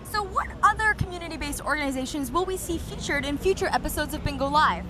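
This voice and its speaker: A woman's voice: high-pitched, expressive, fast. A woman co-hosting a TV bingo show, doing upbeat interviews on location with street noise around her. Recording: clear outdoor traffic noise.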